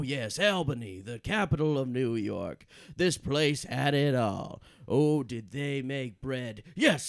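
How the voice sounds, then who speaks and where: A mock-grand travel narrator acted by a man in improvised comedy. He gushes theatrically with drawn-out words in a mid-pitched voice, recorded close and dry. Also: no echo. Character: grandiose male travel narrator, gushing over small cities.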